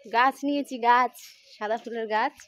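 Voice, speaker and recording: A woman's voice: a little high, steady tone, normal speed, fairly bright tone, no room sound. Chatty woman vlogging from home. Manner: chatty, talking to viewers while going about chores. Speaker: vlogger and mother. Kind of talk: casual home vlog. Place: rural home and courtyard on a hot day. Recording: outdoor ambience with passing vehicles. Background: traffic and ambient noise.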